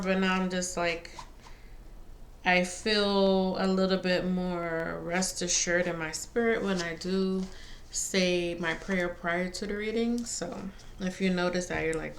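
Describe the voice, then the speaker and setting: A woman giving a casual spiritual card reading to viewers, pausing between phrases. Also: fairly low pitch. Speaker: tarot and oracle card reader. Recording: faint background noise.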